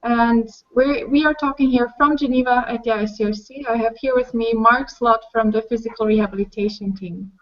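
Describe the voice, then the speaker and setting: A woman's voice: fairly high pitch, fairly even intonation, fairly quick, hardly any pauses. A woman hosting an online webinar, friendly and organized as she calls on participants one by one. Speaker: webinar host. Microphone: video call. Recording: dull online call audio.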